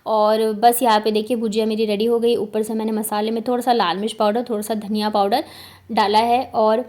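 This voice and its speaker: A woman in her thirties talks through her day as a home vlogger. She explains things one step at a time. Her voice sits a little high and stays chatty. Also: little pitch movement, brisk, darkish tone. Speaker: vlogger, mother. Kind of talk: casual vlog narration.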